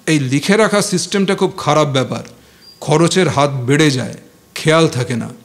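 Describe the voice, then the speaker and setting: A man voicing a calm, frugal male party organiser who talks in an unhurried, measured way. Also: on the high side, lightly acted.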